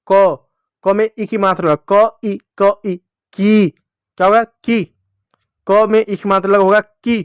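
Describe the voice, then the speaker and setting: A man teaching young children to read letters and vowel signs, slowly and patiently, repeating each sound for them to follow. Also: high voice, smooth, no room sound, clean studio sound. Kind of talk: children's Hindi alphabet lesson.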